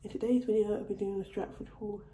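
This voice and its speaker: A woman vlogger shows off her shopping haul at home, talking fast in a steady, dark-toned mid-range voice that still sounds off from a cold she's getting over. She's chatty, repeating and restarting phrases, and the room is echoey with slight background noise.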